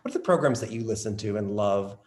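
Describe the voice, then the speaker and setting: A man hosting an interview, speaking casually and haltingly with repeated words. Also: lowish voice, darkish tone. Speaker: host.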